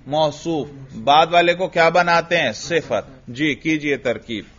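A man's voice: fairly high pitch, a bit bright. A man teaching an Arabic grammar lesson, firing questions at his students and answering them himself. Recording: dull lo-fi recording.

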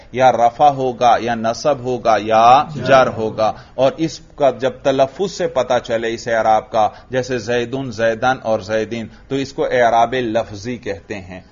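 A male teacher gives a classroom grammar lesson. He asks the class questions and answers them himself, and repeats key terms slowly. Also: mid-range voice. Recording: dull lo-fi recording.

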